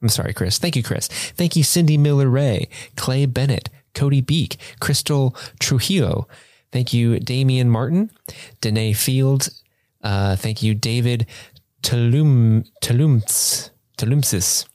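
A man's voice: mid-range voice, measured pace, a little mellow, no echo, clean studio sound. A man co-hosting a casual podcast, playful and sing-songy, stumbling and joking as he reads out supporter names. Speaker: podcast co-host. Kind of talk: casual podcast chat and patron shoutouts.

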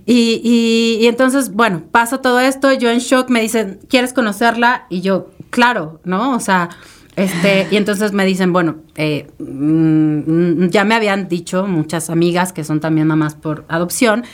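As a podcast guest, a woman tells a personal story emotionally and in a rambling way, full of fillers and tag questions. Her voice sits at medium pitch and moves a little slowly.

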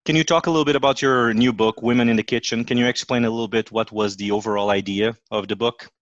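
A middle-aged man with a Portuguese accent hosts a podcast interview. He introduces his guest in an upbeat, playful way at a medium pitch. The recording is dry and close. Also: steady tone, quick pace, dry recording, muffled recording. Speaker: podcast host.

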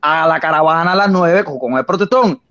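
A man's voice: a little high, a little fast, pushed and bright, highs cut off. A man with a Cuban accent calling into a live stream, talking insistently and repeating his points. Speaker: caller. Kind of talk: heated live-stream debate.

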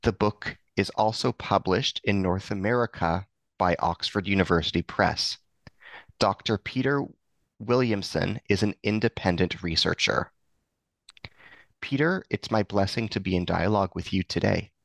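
A man with a low, gravelly voice hosts a podcast with formal, deliberate courtesy. The sound is close and dry. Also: fairly bright tone, no room sound. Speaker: podcast host. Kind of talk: formal interview intro.

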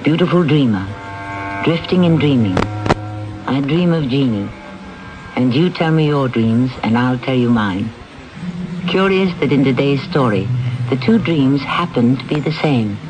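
A male radio drama host narrates in a measured, wry way. His voice is medium in pitch, with clear noise in the recording. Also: animated. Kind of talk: scripted narration. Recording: noisy old radio recording.

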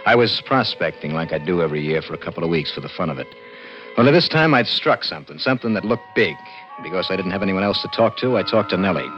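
A man's voice: low-pitched, expressive, fast talker. An actor playing an intense, plain-spoken garage mechanic in his thirties, narrating a vintage radio drama in a slangy, urgent, confiding way. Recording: muffled old radio recording with music.

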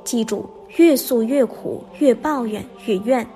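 Woman reading elderly male monk, patient, gentle questions, slightly high voice, faint music. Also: unhurried, close to an everyday voice.

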